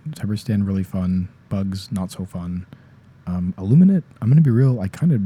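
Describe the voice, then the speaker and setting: A young man rambling softly in a casual ASMR chat, sleepy and tired-voiced, often dropping into whispers. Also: low-pitched, a little hiss or hum. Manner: rambling, slips into whispers, self-deprecating. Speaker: ASMR creator. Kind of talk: soft-spoken ASMR ramble.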